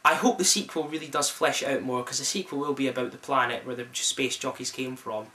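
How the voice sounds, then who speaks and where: A man's voice: medium pitch, fast, sharp tone. Young scottish guy gushing about a film, stumbles and restarts a lot, echoey room, mic kinda far off. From Scotland. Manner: enthusiastic, rambling with many restarts and fillers. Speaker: film reviewer. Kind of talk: casual film review chat. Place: friend's flat, indoors. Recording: roomy, mic at a distance.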